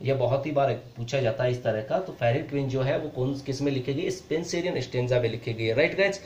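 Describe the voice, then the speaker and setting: Guy teaching exam stuff, slow repeated definitions, hindi-english mix, keeps saying to be clear guys, echoey dull recording. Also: mid-range voice, a little mellow, slight background noise. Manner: mixes Hindi and English, reads English definitions very slowly then repeats them. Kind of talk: explanatory lecture. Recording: echoey room, dull lo-fi sound.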